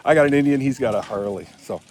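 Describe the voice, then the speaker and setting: A Michigan man in his seventies, a vlogger, rambles casually while working outdoors on his rural land, often correcting himself, filmed on a handheld phone camera. His voice is mid-range, a bit mellow, and fairly quick, with a slight hiss or hum in the recording.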